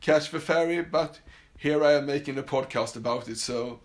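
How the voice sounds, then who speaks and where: This is a man from Sweden with a Swedish accent, hosting an informal solo podcast from his summer house and frequently restarting his sentences amid fillers. His voice is on the high side at normal speed.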